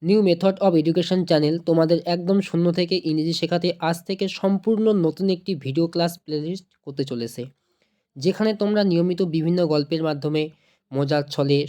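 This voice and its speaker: Patient online tutor with a soft, warm tone who talks to viewers like friends and repeats each point. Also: medium pitch, moderate pace. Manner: patient, repeats and checks understanding; addresses viewers warmly as friends. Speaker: online English teacher. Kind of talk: explanatory video lesson.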